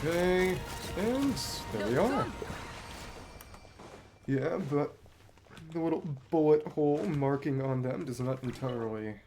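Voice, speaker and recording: This streamer's voice is on the high side, expressive and a little mellow, and he talks a little slowly with long pauses. He provides casual gameplay commentary, explaining mechanics in wordy, understated terms, with game music behind his voice.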